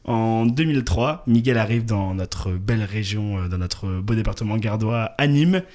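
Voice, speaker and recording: A man co-hosting a local radio show casually reads a musician's biography, hesitating often with "euh" fillers and restarts. He jokes, apologizes and laughs at his own pronunciation, speaking at normal speed in a lowish, darkish voice.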